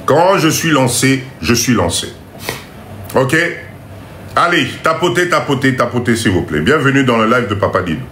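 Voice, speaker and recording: Speaking to viewers on a motivational live stream, this Congolese French-accented man presses his points with insistent repetition despite a stuffy nose from a cold. His mid-range voice has lively intonation, a normal speed and a fairly bright tone, recorded with roomy echo and slight background noise.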